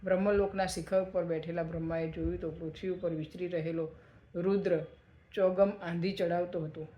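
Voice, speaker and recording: A man reading a mythological story aloud in steady, expressive storybook narration. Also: sits high, normal speed, muffled recording. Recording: echoey room.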